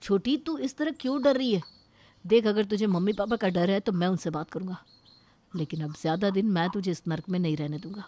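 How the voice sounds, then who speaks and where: An indignant young brother, voiced by a woman in a cartoon story, arguing hard for his sister. His voice sits in a plain middle register and his tone is sharp and protective. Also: medium pitch, brisk, lightly acted. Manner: indignant, pleading, argumentative.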